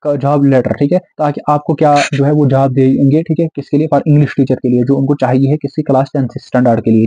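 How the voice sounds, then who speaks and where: A young man in the role of a tutor, speaking quickly and with energy, breaking off every few words to check that his students are following. His voice is very dark and a little husky, set slightly high for a man. The recording is dull and lo-fi, with a dry, close sound. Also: dry recording. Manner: repeats "theek hai" and "bhai sahab", slows down to dictate English phrases. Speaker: teacher. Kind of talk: exam-prep lecture.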